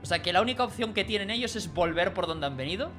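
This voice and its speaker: A streamer, casually recounting a dream in an animated, rambling way with quiet asides. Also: mid-range voice, fast, over music.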